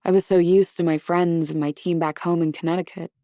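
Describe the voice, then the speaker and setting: A woman's voice: lowish voice, level tone, brisk, dark tone, dry recording, lightly acted. A woman reading the lines of a charming, kind young male college swimmer who talks in a friendly, easy and confident way. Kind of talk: audiobook dialogue.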